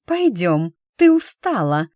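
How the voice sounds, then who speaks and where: A woman's voice: on the low side, expressive, normal speed, darkish tone, no room sound, clean studio sound, lightly acted. A woman voicing a proud, cold young lady chaperone who speaks haughtily in a raised voice. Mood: cold haughty.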